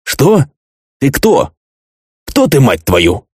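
A man's voice: huge pitch swings, extremely slow, a little mellow, slightly rough, no room sound, studio quality, full character voice. A man voicing a terrified, crude male tattooist held captive, shrieking and swearing in an audiobook. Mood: confused. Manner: shrill shrieking, swearing, sobbing.

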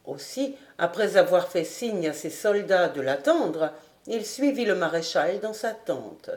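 A woman reading a historical novel aloud as an audiobook in measured narration. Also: fairly low pitch, expressive, darkish tone, roomy sound. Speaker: audiobook reader. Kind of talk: scripted narration.

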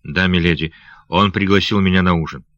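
A gallant male adventurer from an audiobook tale, voiced by a man in a lowish register, courteous and steady as he reassures. The recording sounds muffled and lo-fi, with dry, close audio. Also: a little fast, dry recording. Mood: earnest.

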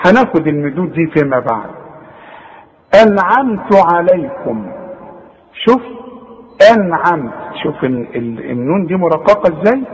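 High-voiced Egyptian Arabic tajweed teacher. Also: male voice, in a large hall, highs cut off. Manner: patient, corrective, demonstrates recitation slowly then explains quickly. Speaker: Quran recitation teacher. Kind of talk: tajweed lesson correcting a student.

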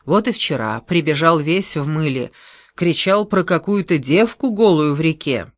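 A reader voicing a grumbling, gruff middle-aged huntsman who scolds his son, in an audiobook. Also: medium pitch, lively intonation, normal speed, no room sound, studio quality, natural voice.

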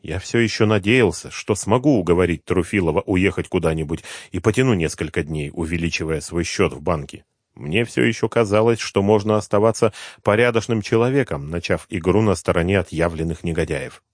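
A man's voice: deep voice, brisk, no echo, studio quality. A man reading a first-person thriller audiobook in a tense, brooding storytelling manner. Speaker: audiobook reader.

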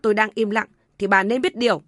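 A woman's voice: fairly high pitch, fairly even intonation, fairly quick, gravelly, a little mellow, no room sound. Woman doing a stern gray-haired father, few words, commanding, dry read. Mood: stern anger.

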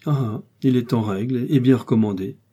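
A man reading an audiobook and voicing a formal middle-aged male official who asks measured questions. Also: medium pitch, mellow, breathy edge, natural voice. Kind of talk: audiobook character voice.

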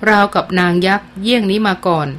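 This is scripted audiobook narration: a woman narrates a novel with measured, expressive storytelling, her voice sitting in the mid range.

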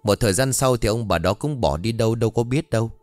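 A man's voice: medium pitch, fast talker, a little mellow, no echo, soft background music, lightly acted. A man doing a somber old villager. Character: older village man, sad storyteller.

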